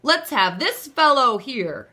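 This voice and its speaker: A woman voicing a big, jolly old Santa figure from a children's storybook, proclaiming in a booming, drawn-out way. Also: big pitch swings, bright, forceful tone, slightly rough, heavily acted.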